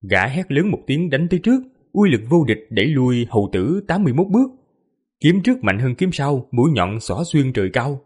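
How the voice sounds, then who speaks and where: A male audiobook narrator telling a fantasy battle epic with vivid, emphatic delivery. His voice is husky and slightly breathy, and his pitch swings widely to drive the action. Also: very animated, a little fast, darkish tone. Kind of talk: dramatic fantasy novel narration.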